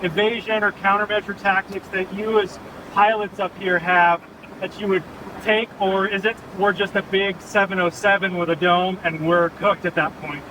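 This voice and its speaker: A man's voice: high voice, little pitch movement, normal speed. A man interviewing someone informally, putting questions to them inside an aircraft. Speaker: interviewer with an online following. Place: inside an aircraft cockpit in flight. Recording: loud vehicle drone behind the voice. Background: aircraft engine and air noise.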